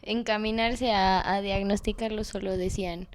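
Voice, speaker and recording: A woman's voice: mid-range voice, steady tone, moderate pace. A woman with a Mexican accent, co-hosting a podcast in casual chat, blunt and slangy, with some swearing. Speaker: podcast co-host.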